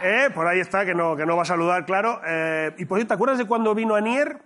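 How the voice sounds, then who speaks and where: A man's voice: high voice, quick pace, fairly bright tone, slight background noise. A man, co-hosting a live talk show in a theater. He jokes, rambles, and often trails off mid-sentence. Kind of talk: casual banter on a live show. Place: theater stage with a live audience.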